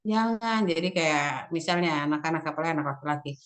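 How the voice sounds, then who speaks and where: A woman religious teacher at a parents' seminar, telling lively stories about her children, quoting them and often laughing as she talks. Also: deep voice, quick pace. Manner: often laughs while talking.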